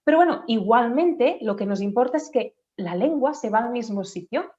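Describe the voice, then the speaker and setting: A woman's voice: fairly high pitch, lively intonation, normal speed, warm tone. A woman patiently explaining speech development in an interview, sometimes demonstrating sounds aloud. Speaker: speech therapist guest. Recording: dull lo-fi audio.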